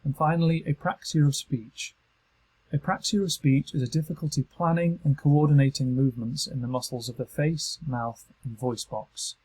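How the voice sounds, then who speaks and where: Male narrator, British accent, scripted, measured; slightly raspy tone. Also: medium pitch, low-quality recording. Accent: British English. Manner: calm, measured instructional delivery. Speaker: training narrator.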